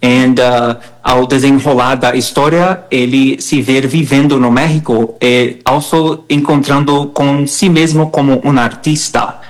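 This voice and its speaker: A man's voice: mid-range voice, steady tone, unhurried, hardly any pauses, poor audio. A Brazilian man whose first language is Portuguese, interviewed as a guest artist, speaking hesitantly and mixing Portuguese, Spanish and English.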